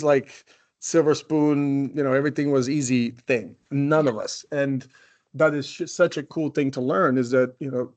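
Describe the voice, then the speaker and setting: A man's voice: mid-range voice, a little mellow. A man in his forties from Croatia, a guest in a casual interview, talking loosely with many "you know"s and restarts. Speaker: guest, company CEO.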